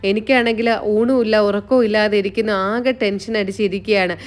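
A woman's voice: medium pitch, steady tone, moderate pace, natural voice. A woman reading as a worried mother. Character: worried middle-aged mother phoning her son-in-law.

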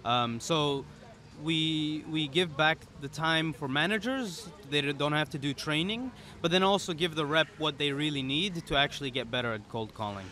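His voice sits on the high side, bright and forceful, moving at normal speed as this young startup founder explains casually during a conversational interview. Faint outdoor event ambience comes through the boom-arm podcast microphone at the conference's outdoor pop-up podcast booth.

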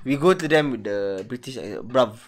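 A young man streaming a football video game, chatting loudly and joking with slang. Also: mid-range voice, lively intonation, fairly quick. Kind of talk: casual gaming stream chat.

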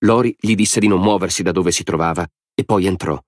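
A man reading an audiobook in steady, scripted narration. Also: deep voice, brisk, dry recording, studio quality. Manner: steady, even storytelling.

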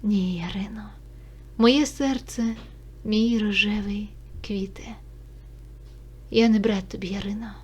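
A woman voicing a tender, sorrowful young Cossack man in a hushed, whispered role-play, dropping her voice low and soft. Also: steady tone, takes it slowly, pauses often, slight background noise, lightly acted.

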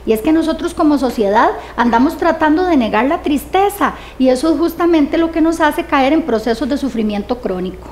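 A woman with a notably high voice, speaking as an expert guest in an interview. She explains things in a calm, measured way and often ends her points with a quick tag question, over a faint background hiss. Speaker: grief specialist guest.

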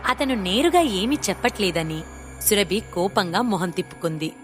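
A woman narrating a scripted audio story in a steady storytelling manner. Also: mid-range voice, moderate pace, faint music behind.

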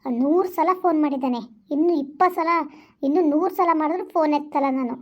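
A hurt, jealous young woman, played by an actress, scolding in quick, high bursts. Her tone is reproachful and stubborn. The sound is dull and lo-fi, as in a homemade village skit. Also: close to an everyday voice. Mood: brooding. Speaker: amateur skit actor. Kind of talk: village vlog skit acting.

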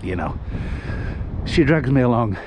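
His voice is medium-pitched and sing-song, a touch slow, with background noise behind it. He's a sixty-something Northern English vlogger wandering a seafront street, camera in hand, chatting in a rambling, folksy style.

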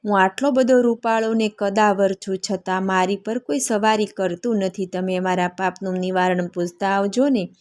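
A woman's voice: medium pitch, steady tone, moderate pace, hardly any pauses, darkish tone, lightly acted. A woman voicing a sad, big, handsome horse in a storybook tale, telling it in a pleading way.

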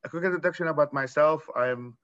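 A man in his thirties from Iraq speaking as a panelist on a video call, earnest and halting with restarts. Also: fairly high pitch, fairly bright tone. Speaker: panelist, nonprofit founder. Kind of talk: conference panel talk. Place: room at home. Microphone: laptop webcam on video call. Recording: dull lo-fi video call audio.

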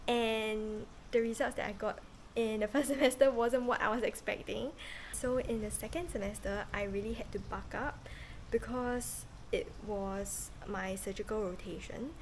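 A woman's voice: fairly high pitch, steady tone, normal speed, low-quality recording. Woman in her thirties from Singapore, casual earnest vlog, arm's-length camera, faint outdoor hum behind. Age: 30s. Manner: chatty, earnest, with many fillers. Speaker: vlogger, medical student. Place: porch of a house, outdoors. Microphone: camera held at arm's length.

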